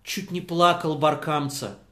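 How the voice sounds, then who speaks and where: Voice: mid-range voice, fairly even intonation, a little slow, a bit bright. A storyteller telling a folk tale dramatically, with sighs, exclamations and sound effects. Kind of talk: expressive oral storytelling. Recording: echoey room.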